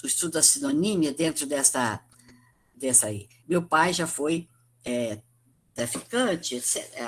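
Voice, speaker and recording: A woman with a Brazilian Portuguese accent lectures over a video call, her voice low and slightly husky. Her intonation swings widely as she explains, and she keeps adding tag questions and restarting phrases. It sounds like an academic talk given remotely.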